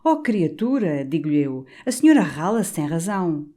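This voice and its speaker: A woman voicing a portly, jovial older male canon, talking in an animated, confiding, doting way. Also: fairly high pitch, normal speed.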